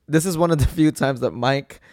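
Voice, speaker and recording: A man co-hosting a podcast in casual chat, enthusiastic and quick to agree. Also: a little high, darkish tone, no room sound, clean studio sound. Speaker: podcast co-host.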